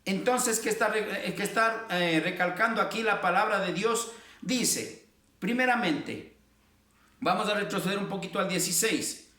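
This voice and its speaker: Pastor, male, preaching with fervent emphasis. High-pitched and bright, recorded from a distance in an echoey room. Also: normal speed. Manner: preaching with fervent emphasis and repeated "amados hermanos". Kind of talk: sermon.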